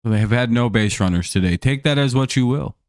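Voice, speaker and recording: A man hosts a live stream, casually calling baseball plays and joking with viewers, chatting between plays in a laid-back way. His medium-pitched, darkish voice moves fast and sounds a little worn from a full day of talking. The studio recording is clean, with no room sound.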